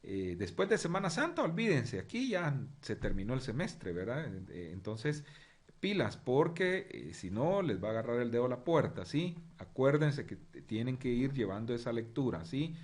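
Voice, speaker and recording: A middle-aged male lecturer talks to his students in a relaxed, conversational way. His voice rises and falls a lot, and he keeps checking in with small questions while he explains. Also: mid-range voice, normal speed. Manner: animated, frequent tag questions and fillers. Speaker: university journalism lecturer. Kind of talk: online class lecture.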